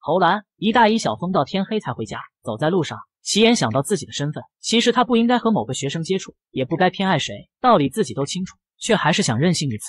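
A man narrating a comic strip in brisk, scripted storytelling. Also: high-pitched, sing-song, husky.

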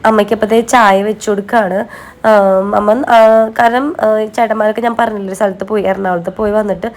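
A woman's voice: mid-range voice, steady tone, quick pace. A woman narrating a casual family vlog, mixing English words into her Malayalam. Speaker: family vlogger.

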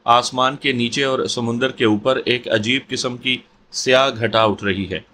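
A man's voice: mid-range voice, steady tone, pushed and bright, a little hiss or hum, lightly acted. A man voicing an earnest, uneasy young woman writer in an audio story.

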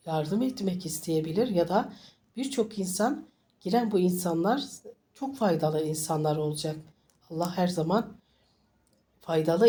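A woman sniffly with a summer flu, reading fortunes informally for viewers in a halting, reassuring way and often repeating her phrases. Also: deep voice, warm tone. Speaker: fortune teller.

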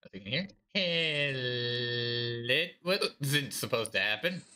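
A man's voice: medium pitch, big pitch swings, fairly quick, pushed and bright. A man doing let's play commentary on a horror game, talking to himself in a wry, joking way while he has the hiccups. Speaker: VTuber streamer.

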